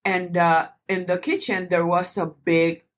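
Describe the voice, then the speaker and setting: A middle-aged woman from Rico, a lively podcast guest telling stories with many restarts. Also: lowish voice, measured pace. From Puerto Rico. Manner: animated storyteller, many restarts. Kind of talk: podcast interview.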